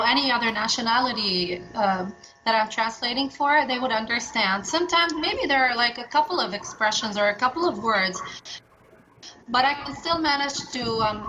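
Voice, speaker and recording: Energetic woman translator from Lebanon, fairly high voice, chatty with lots of restarts, noisy recording with clicks. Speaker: translator and interpreter. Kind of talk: casual interview answers.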